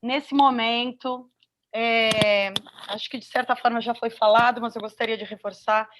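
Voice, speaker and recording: Female moderator, Brazilian accent, slightly high voice, informal live panel delivery. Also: fairly even intonation, normal speed, noisy background. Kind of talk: informal live moderation, reading audience questions.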